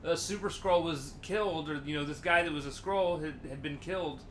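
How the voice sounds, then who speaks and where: A man co-hosting a podcast in casual chat, telling stories with animated acted-out quotes. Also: fairly high pitch, brisk, a little hiss or hum. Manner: animated storytelling, acts out quotes. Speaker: podcast co-host.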